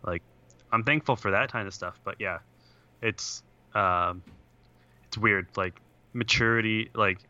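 On a podcast, a young co-host talks over a computer video call whose audio is dull and keeps dropping out. His lowish voice sounds pushed and bright, his pace measured with long pauses, and his casual, rambling chat is filled with "like" and "uh".

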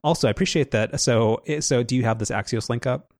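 A man's voice: mid-range voice, quick pace, no room sound. A man co-hosting a podcast, rambling casually with restarts and dry sarcasm. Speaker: podcast co-host.

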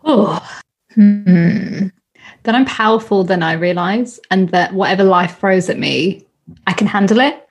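A British woman in her thirties talks earnestly as an interview guest, with a slightly husky, breathy voice. She leans on her points and repeats phrases for emphasis, laughing easily between thoughts. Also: medium pitch, unhurried. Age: 30s. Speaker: guest, healing coach. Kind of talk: casual interview chat.

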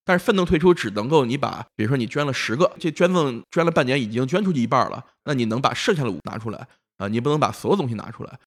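A man with a mid-pitched voice talks rapidly in a casual podcast discussion. He explains informally and emphatically, often tossing in short tag questions. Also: lively intonation. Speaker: knowledgeable podcast speaker.

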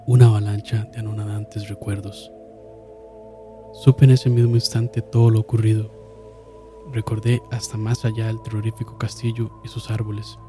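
A man narrating a horror story in a slow, solemn manner, dropping to a hush and swelling again. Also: on the low side. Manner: slow, solemn, with hushed drops and sudden swells. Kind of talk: dramatic horror story reading.

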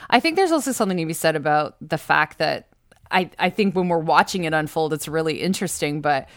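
A woman's voice: sits low, animated, fast, no echo, studio quality. A woman co-hosting a casual chat, opinionated and playful. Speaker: podcast co-host.

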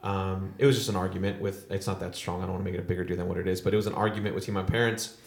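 A man's voice: low voice, level tone, very fast. A man speaking reflectively and casually as a guest in a group discussion, feeling his way through his thoughts. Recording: roomy, echoey sound.

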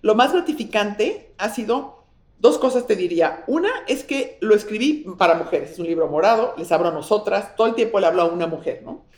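A woman's voice: mid-range voice, expressive, a little fast, darkish tone, reverberant. A woman with a Mexican accent, a guest chatting effusively and reflectively in an interview, often restarting her sentences. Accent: Mexican Spanish. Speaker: guest, businesswoman and author. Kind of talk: casual interview chat.

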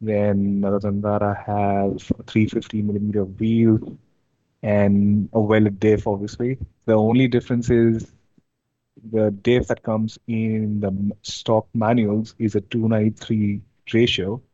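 Young guy from india, laid back and hesitant, kinda low dull dry sound. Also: measured pace, dry recording. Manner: relaxed, hesitant, many fillers and restarts. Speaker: interview guest, amateur drifter. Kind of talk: casual interview chat.

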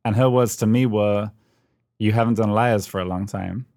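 A middle-aged co-host from the United Kingdom talks on a podcast through a remote call at a moderate pace. His voice is on the low side, a little mellow, with fairly even intonation and no echo. Expect plenty of ums and dry, self-mocking jokes in his casual delivery.

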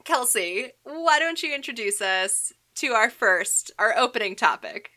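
Young woman, podcast co-host, casual sarcastic chat, bright tense voice. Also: on the high side, animated, a little slow.

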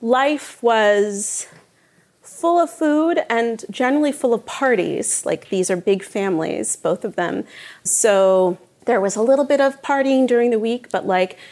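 A woman's voice: fairly high pitch, measured pace, a little mellow. A middle-aged woman from New Jersey, a cookbook author, talking candidly in a casual onstage conversation and laughing often. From northern New Jersey.

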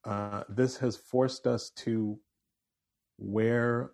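A Canadian man in his forties with a fairly neutral accent, a musician talking in a relaxed interview, restarting phrases as he thinks. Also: mid-range voice, very slow, creaky. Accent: fairly neutral Canadian English. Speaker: musician and voiceover artist guest. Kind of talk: casual interview chat.

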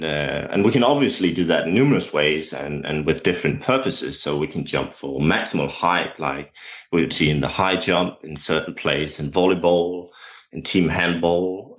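A Danish jumps coach and lecturer answers interview questions in English with a Danish accent, in a bass voice that's a bit bright. He is hesitant, full of fillers and restarts, and the recording sounds dull and lo-fi.

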